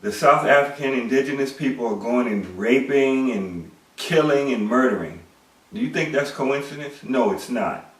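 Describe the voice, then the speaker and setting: A man's voice: mid-range voice, lively intonation, normal speed, fairly bright tone, far from the mic. A middle-aged man delivering an emphatic monologue lecture, posing rhetorical questions and repeating words. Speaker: commentator. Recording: echoey room, away from the mic.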